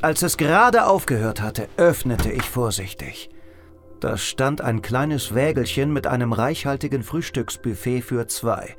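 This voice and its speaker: An actor playing a world-weary hard-boiled private detective, narrating in the first person with dry, sardonic humor. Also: male voice, medium pitch, lightly acted. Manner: dry, sardonic inner monologue. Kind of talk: first-person noir audio drama narration.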